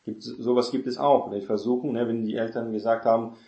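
A man's voice: medium pitch, fairly even intonation, brisk, creaky, dark tone, roomy sound, dull audio. A man giving an informal sermon on parenting, rambling and searching for words, tagging his sentences with "ne?". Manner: self-correcting, searches for words. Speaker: preacher teaching on parenting.

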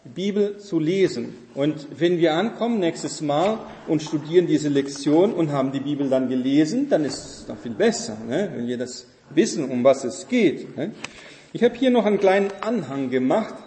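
A man's voice: on the high side, expressive, moderate pace, dark tone. A man teaching a Bible study class, explaining step by step and often checking in with his listeners. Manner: explanatory, keeps asking listeners "ne?" and "versteht ihr?". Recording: echoey hall reverb.

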